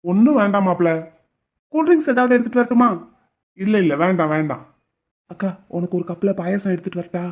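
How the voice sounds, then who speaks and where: A woman voicing a teasing young village man in a cartoon, quick and mock-dramatic. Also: mid-range voice, a little mellow, lightly acted. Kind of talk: Tamil cartoon voice acting.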